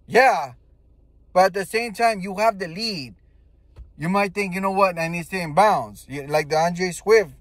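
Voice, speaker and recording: A football fan, a man with a high-pitched voice, reacts to a game in casual sports commentary that's blunt and emphatic, full of slang and swearing. There's no room sound.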